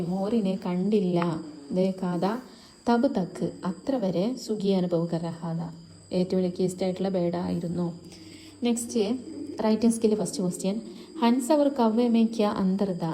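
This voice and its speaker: Mellow-voiced woman teaching a textbook lesson. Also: mid-range voice, a little hiss or hum. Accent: Kerala. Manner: reads Hindi words, then explains them in Malayalam.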